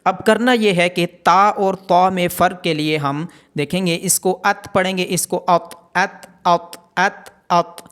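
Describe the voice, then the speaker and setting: A man teaching Quran reading in a step-by-step pronunciation lesson, with a Pakistani Urdu accent, slowly repeating letter sounds for drill. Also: high voice, fairly even intonation, a bit bright, clean tone.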